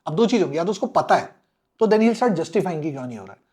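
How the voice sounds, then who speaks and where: A middle-aged man with a high, bright speaking voice tells a long story as an interview guest. He talks in a lively way, acts out the people he quotes and drops English phrases into his sentences. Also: quick pace. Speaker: guest, former fighter pilot.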